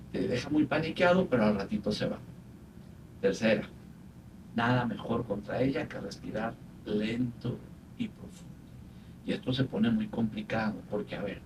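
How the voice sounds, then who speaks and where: A man, a psychologist, calmly explaining anxiety in a podcast conversation. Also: mid-range voice. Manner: calm, explanatory, retells patients' words. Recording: faint noise, distant from mic.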